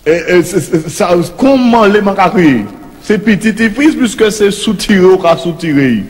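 A man's voice: high-pitched, expressive, moderate pace, a little mellow, long reverb tail. Blustering Martinican comic man. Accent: Martinican French. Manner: blustering, rambling, mangled pompous French. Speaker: comedian playing a father. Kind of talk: comic sketch on stage.

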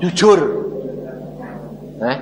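A man with a Javanese-tinged Indonesian accent preaching a lively testimony sermon, acting out the dialogue and addressing listeners as brothers and sisters. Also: extremely slow, a little hiss or hum. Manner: animated storytelling, acts out dialogue, addresses listeners as saudara. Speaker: evangelist preacher. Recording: reverberant hall with faint ambience.

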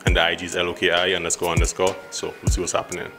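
A man's voice: sits low, monotone, racing. A young man giving a casual, slangy self-introduction as a contestant. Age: young adult. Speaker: dating show contestant. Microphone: handheld microphone. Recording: loud music behind.

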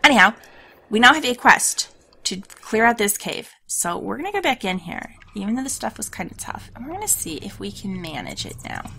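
A woman's voice: medium pitch, big pitch swings, fairly quick, vocal fry, sharp tone, slightly rough. A woman with a scratchy, sore-throat voice gives casual video game commentary as host, chattily thinking aloud as she plays. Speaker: host of a let's play series.

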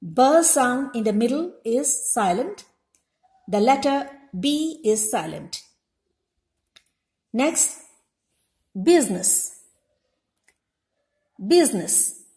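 A slow-speaking woman with a high, sing-song, slightly mellow voice is teaching a deliberate classroom lesson. She goes over every example word slowly and explains it, and the room has an echo.

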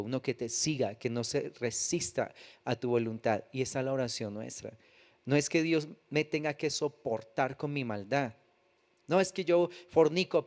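A man's voice: medium pitch, darkish tone. A man preaching a sermon as pastor, reading scripture aloud and then explaining it earnestly with rhetorical questions. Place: church.

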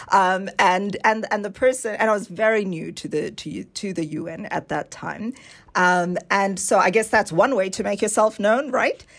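A woman with a husky, slightly low voice tells an anecdote as an interview guest. She talks in an animated way and acts out other people's lines in her own telling. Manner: animated storyteller, acts out quoted voices, laughs often. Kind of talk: casual interview conversation.

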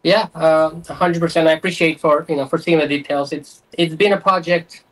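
A man's voice: on the high side, fairly even intonation, a little fast, low-quality recording. Hesitant man in his thirties from Albania. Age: 30s. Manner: hesitant, many fillers. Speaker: guest, playing card designer. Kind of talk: casual interview. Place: small room with playing cards on a desk.

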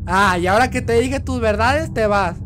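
Young male streamer, Mexican accent, high voice, rude banter, yelps at scares. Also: normal speed, background noise. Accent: Mexican Spanish. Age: young adult. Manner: crude joking, talks back to game characters; yells when startled. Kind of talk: gameplay commentary.

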